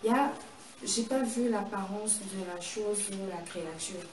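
A woman's voice: medium pitch, moderate pace, a little mellow. Woman telling a vivid testimony, echoey. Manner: vivid storytelling, acts out what happened. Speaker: guest giving a testimony. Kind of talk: personal testimony in conversation. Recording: echoey and distant with noise.

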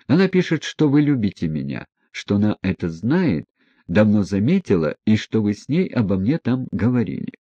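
A man reading an audiobook, voicing a proud, passionate young woman who presses with rapid, agitated questions. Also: fairly low pitch, big pitch swings, mellow, dry recording. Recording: dry, dull close recording.

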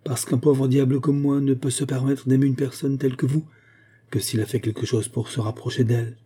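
A man's voice: mid-range voice, level tone, fairly quick, dark tone, slightly rough, lightly acted. A man voicing an ardent, earnest young man declaring his love in a storybook reading.

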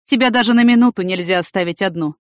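A woman's voice: medium pitch, fast talker, dry recording, studio quality, natural voice. A woman voicing a composed, confident young man who speaks firmly and evenly. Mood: reproachful.

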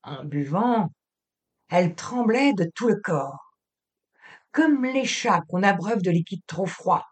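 A woman reading a literary novel aloud in a measured, expressive way. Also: mid-range voice. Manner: slow, measured, expressive delivery. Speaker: audiobook reader.

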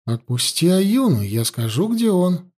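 A man's voice: high voice, sing-song, measured pace, darkish tone, slightly rough, voice pushed up, full character voice. A man voicing a sly young woman in an audiobook who speaks with feigned sorrow and mockery. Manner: mocking, sly. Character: sly young half-blood woman, mocking.

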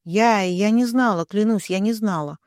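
A woman's voice: mid-range voice, normal speed, warm tone, no room sound, clean studio sound, natural voice. A man voicing a jealous young woman who stammers and pleads through tears in an audiobook. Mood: tearful pleading.

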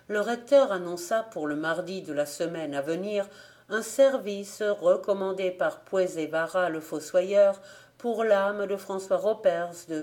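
A woman reading a literary audiobook in a measured, deliberate way. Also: lowish voice, a little mellow. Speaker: audiobook reader.

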